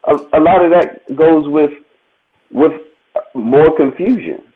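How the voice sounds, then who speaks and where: A man's voice: fairly high pitch, slow. A man on a talk show panel, weighing in thoughtfully and circling back to rephrase his points. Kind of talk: casual talk show discussion. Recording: tinny phone-like call audio.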